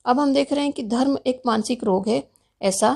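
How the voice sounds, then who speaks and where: A woman philosophy lecturer delivers a recorded university lecture in a steady, explanatory way. Her voice sits a little high, with a gravelly fry and a warm, mellow tone. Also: normal speed.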